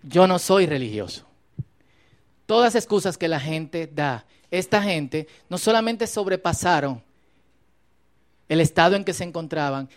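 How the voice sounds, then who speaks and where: A preacher gives a lively sermon. The preacher acts out Bible scenes with playful humor, swinging between loud exclaiming and quiet reflection. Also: medium pitch.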